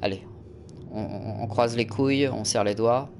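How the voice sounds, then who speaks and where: A man's voice: lowish voice, fairly even intonation, moderate pace, vocal fry, a little hiss or hum. A man playing a horror game and commenting casually, frustrated and swearing, with lots of hesitant fillers. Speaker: gaming let's-player. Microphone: USB studio mic at desk. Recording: game music loud behind.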